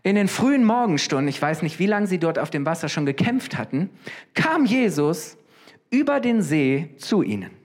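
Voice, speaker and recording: A man preaching a sermon in a lively, conversational way, often asking his listeners questions. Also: a little high, normal speed.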